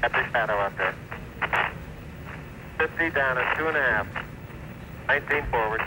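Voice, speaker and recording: A man's voice: mid-range voice, animated, moderate pace. Man calling numbers over crackly space radio. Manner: clipped, businesslike number readouts. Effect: crackly space radio transmission with beeps. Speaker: astronaut piloting the lander. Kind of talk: terse flight callouts. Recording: noisy archival radio downlink.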